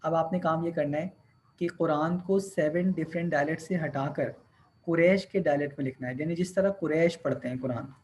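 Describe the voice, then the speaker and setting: A man's voice: a little high, fairly quick, a little mellow, a little hiss or hum. A man teaching a class, explaining step by step, counting points aloud and mixing English terms into his speech. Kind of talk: classroom lecture.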